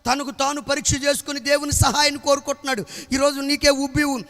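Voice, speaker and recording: Preacher, male, very high voice, storytelling into shouted drawn-out sermon, long echo on the sound. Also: flat delivery. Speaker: pastor. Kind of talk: revival sermon. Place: large outdoor gathering.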